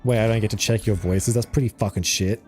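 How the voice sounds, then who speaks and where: A man streaming a game live, reacting loudly, swearing freely and thinking out loud as he plays. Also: on the low side, fast talker. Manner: excitable, swears a lot, thinks aloud. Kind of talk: casual live-stream commentary. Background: faint game music.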